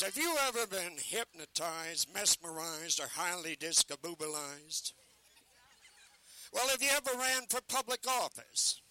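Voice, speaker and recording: A man working as a carnival sideshow talker, pitching live to a crowd in teasing, declamatory showman's patter. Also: sharp tone.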